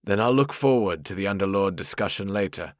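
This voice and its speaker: A man voicing a formal, wry male elf rogue in an audiobook, measured and dry. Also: lowish voice, no echo, close to an everyday voice. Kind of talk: audiobook narration.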